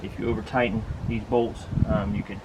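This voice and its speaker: A man with a fairly low voice talks casually to camera as an RV vlogger. He is informal and plain-spoken, walking viewers through gear step by step. The recording is made outdoors, with clear wind and vehicle noise behind him. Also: level tone, a little fast. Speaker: RV vlogger giving a product walkthrough. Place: outdoors beside a pickup truck bed.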